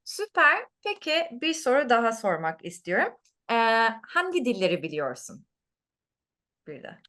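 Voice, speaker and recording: A woman's voice: on the high side, huge pitch swings, moderate pace, bright, forceful tone. A woman language teacher in casual conversation with a student, encouraging with short affirmations and repeated phrases.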